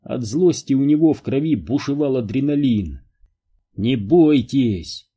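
A man narrating an audiobook in a steady, even storytelling manner. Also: medium pitch, normal speed, husky.

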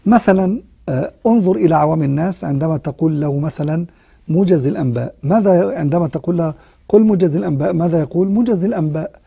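A man with an Egyptian accent teaching Quran recitation in a recorded online lesson. He explains patiently and slows down to demonstrate each sound. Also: on the high side, vocal fry, warm tone, breathy edge, no room sound, highs cut off. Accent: Egyptian Arabic.

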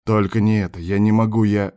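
A timid old man fretfully talking himself into courage, in a low voice, as a narrator plays him. Nervous muttering from an audiobook. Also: level tone, fairly quick, mellow, clean tone, no echo, studio quality, natural voice. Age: older.

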